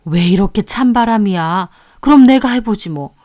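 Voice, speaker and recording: A woman's voice: mid-range voice, lively intonation, moderate pace, darkish tone, no room sound, clean studio sound, natural voice. A woman voicing a bossy, nosy older mother-in-law who nags and scolds her family in a story narration. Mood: nagging. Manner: nagging, scolding.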